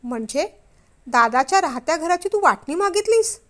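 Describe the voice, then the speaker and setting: A woman's voice: high-pitched, normal speed, natural voice. A woman playing a scolding angry husband. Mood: stern, angry. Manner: loud, stern, rebuking. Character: angry scolding husband, middle-aged man.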